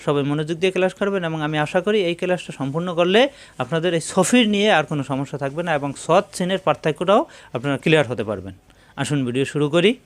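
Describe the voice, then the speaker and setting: A man teaching Quran pronunciation, explaining each point and repeating letter sounds slowly for learners to copy. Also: on the high side. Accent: Bangladeshi Bengali. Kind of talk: step-by-step pronunciation lesson.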